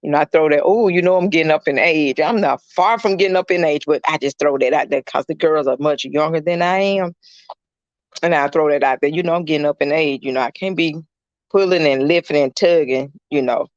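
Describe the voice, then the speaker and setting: A chatty middle-aged man with a drawl, talking casually into his phone during a livestream. His voice sits a bit high for a man, and the sound is dry and a little muffled. He rambles warmly from one thought to the next. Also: fairly quick, no room sound. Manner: chatty and rambling, fills talk with "you know" and greets viewers by name. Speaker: caregiver streaming live. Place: indoors at a client's home.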